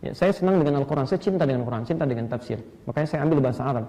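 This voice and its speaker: A male Islamic preacher giving a lively lecture sermon, quizzing his listeners and chanting Arabic verse meters to make his points. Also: medium pitch, racing, poor audio. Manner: asks audience rhetorical questions.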